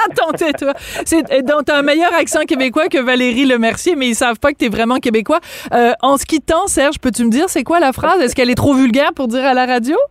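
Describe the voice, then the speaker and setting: A woman's voice: sits high, fast talker, no room sound. A woman radio host, interviewing a guest in a chatty, encouraging, conversational way.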